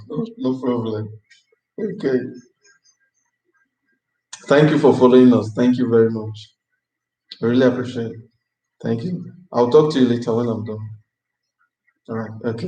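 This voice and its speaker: A man's voice: mid-range voice, dark tone. Upbeat man hosting a live chat, roomy echo. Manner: repeats phrases, chatty and upbeat.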